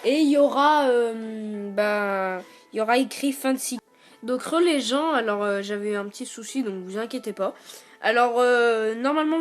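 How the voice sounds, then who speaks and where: A woman hosting a casual tutorial, talking viewers through steps with many hesitations and filler sounds. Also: a little high. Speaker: YouTube tutorial host. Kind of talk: casual screen-recorded tutorial.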